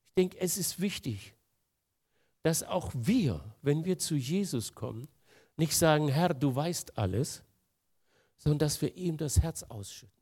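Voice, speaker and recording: A man preaching a sermon, earnest, moving between quiet, soft passages and emphatic, louder lines. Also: a little high, animated, unhurried, slightly rough.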